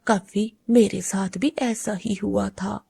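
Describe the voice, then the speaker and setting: A woman voicing a kindly older female aunt bird in a cartoon, gentle and reassuring. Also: mid-range voice, steady tone, slow pace, creaky, breathy edge, no room sound, exaggerated voice. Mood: comforting.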